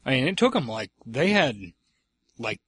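A man's voice: mid-range voice, breathy edge, no room sound. A man co-hosting a podcast, reacting and chatting casually through a movie commentary. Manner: animated, chatty, quick reactions. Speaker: podcast co-host.

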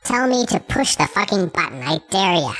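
An actor plays a profane, bossy marmot in an audio story. The voice is bright and tense, with a pitch that jumps around a lot. He barks blunt orders and dares people to cross him. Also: big pitch swings, moderate pace. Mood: defiant. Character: foul-mouthed gruff male marmot boss.

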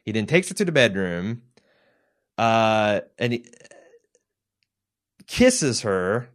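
A man's voice: fairly low pitch, very animated, slow pace. A man co-hosting a podcast, reading listener mail and retelling a TV scene in casual, conversational chat. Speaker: podcast co-host.

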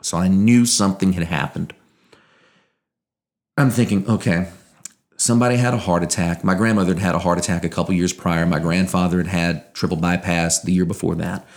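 Young man with a deep, gravelly voice, earnest storyteller. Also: steady tone, brisk. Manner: earnest, quietly emotional storytelling. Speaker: guest telling a personal story. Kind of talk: casual storytelling.

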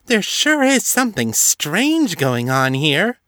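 A man voicing a cold, teasing celebrity actress in a high, breezy, mocking voice. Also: huge pitch swings, slow, bright, forceful tone, no echo, studio quality, full character voice. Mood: coy.

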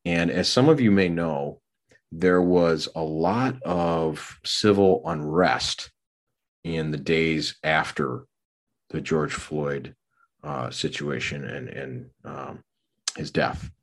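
A middle-aged man tells a rambling story on his podcast, stopping for fillers and restarting his sentences. His voice sits very low. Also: takes it slowly. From Minneapolis area. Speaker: podcast co-host. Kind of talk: casual storytelling.

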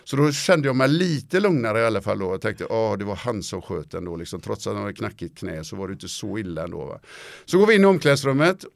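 A middle-aged man, an interview guest, telling a funny anecdote in a casual, lively way, often ending his sentences with little tag questions. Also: fairly low pitch, vocal fry, no echo. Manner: lively storyteller, tags sentences with "va?" and "liksom".

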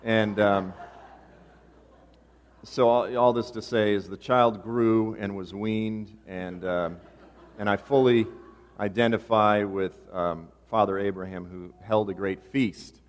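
Pastor with a low voice in a reverberant church. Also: male voice, fairly even intonation, slow. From Boston area. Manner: casual, joking asides. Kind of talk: sermon. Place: church sanctuary.

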